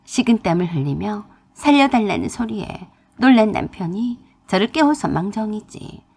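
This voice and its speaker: A woman narrates a first-person family story in a confiding, emotional way. Her voice is husky, with a wide, lively pitch range. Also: normal speed.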